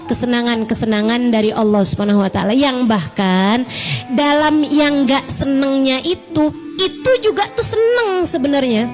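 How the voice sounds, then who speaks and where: A woman preacher giving a conversational sermon, talking straight to her listeners and asking them rhetorical questions. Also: sits high. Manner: chatty, addresses listeners directly, asks rhetorical questions.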